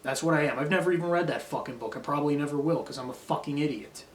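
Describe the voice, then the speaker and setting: A man's voice: on the high side, fast, slight background noise. A man delivering a rambling, profane, self-critical monologue, drifting between grudges and philosophy. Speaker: vlogger. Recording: roomy echo.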